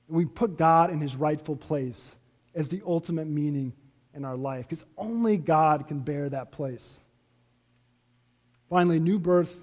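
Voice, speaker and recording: A man preaching a sermon as pastor, earnest, pressing his points and then letting them fall away softly. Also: fairly high pitch. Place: church sanctuary. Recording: reverberant church hall.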